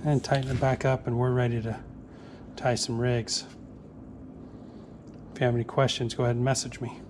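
This clip is a casual how-to from a workshop, where a Northeast Florida man in his forties who makes fishing tackle narrates each step with lots of "uh"s. His mid-range voice is flat and moderately paced, his manner plain and easygoing, and there's background noise.

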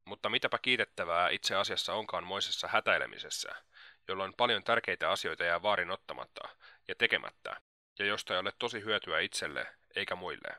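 A man reading the lines of a proud, reserved young gentleman in an audiobook, cool and measured, lecturing at length. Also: low voice, lively intonation, no echo, studio quality, exaggerated voice.

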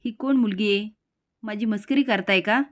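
A woman's voice: medium pitch, moderate pace, close to an everyday voice. Woman voicing a hot-tempered young man. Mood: exasperated.

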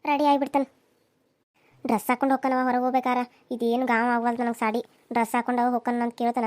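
A woman's voice: high-pitched, a little mellow, lightly acted. A woman with a North Karnataka accent voicing a distressed young village wife in a cartoon serial, fretting aloud to herself. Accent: North Karnataka Kannada. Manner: worried, talking to herself.

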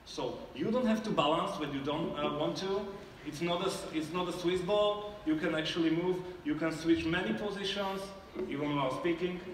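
A man's voice: on the high side, normal speed, hardly any pauses, slight background noise. A man, a startup founder answering judges' questions on a theater stage, hesitant with many fillers and restarts. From Slovakia. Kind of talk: live pitch Q&A on stage. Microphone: far camera in the audience. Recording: echoey hall from far off.

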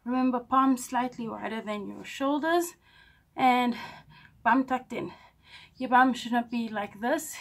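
Young woman, kinda high voice, explaining push ups while doing them in her bedroom. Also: a bit bright. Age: young adult. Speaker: fitness vlogger, instructor. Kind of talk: casual exercise instruction to camera. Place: small bedroom, indoors. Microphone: phone or camera on the floor, close to mid distance.

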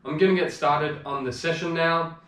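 A young man giving a casual instructional voice-over for a home barbell workout, relaxed and chatty with fillers. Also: a little high, moderate pace. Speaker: fitness coach. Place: living room home gym. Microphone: voice-over, recorded separately.

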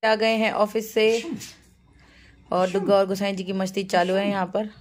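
A woman's voice: medium pitch, little pitch movement, normal speed. A woman from Almora in Uttarakhand, chatting casually and playfully in a home vlog. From Almora, Uttarakhand, India. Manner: chatty and playful, coos in baby talk to her pet. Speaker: vlogger and housewife. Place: at home indoors.

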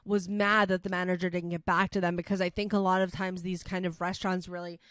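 A woman co-hosting a podcast in casual chat, talking in loose, chatty runs full of fillers and animated quotes. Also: fairly low pitch, quick pace, no echo, studio quality. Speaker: podcast co-host.

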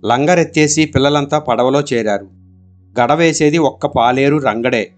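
A man narrating a storybook audiobook in a steady, expressive storytelling manner. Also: medium pitch, normal speed, faint music behind.

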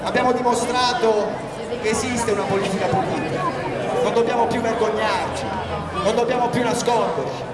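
A man's voice: very high voice, moderate pace. A man gives an emphatic campaign rally speech, repeating phrases for effect. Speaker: political candidate at a rally. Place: large outdoor town square. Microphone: handheld mic through PA, recorded from camera. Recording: echoey square, far off, loud crowd.

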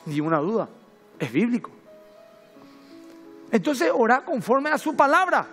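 A man's voice: very high-pitched, big pitch swings, a little slow, a bit bright, faint music behind. A middle-aged man with a Paraguayan Spanish accent, preaching a sermon in a conversational way, mixing personal stories with Bible reading. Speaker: pastor.

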